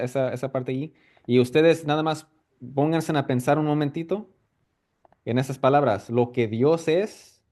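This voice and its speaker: A man at a middle pitch teaches a casual Bible lesson. He explains carefully, repeats key points, and checks in often with quick questions. His delivery is halting, with frequent restarts. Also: mellow.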